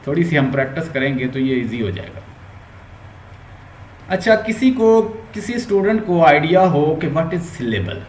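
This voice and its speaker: A man's voice: fairly high pitch, sing-song, measured pace, a little mellow. A male linguistics teacher with a Pakistani Urdu accent, giving an online lecture and explaining step by step while mixing English terms into his Urdu. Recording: roomy echo, faint background hum.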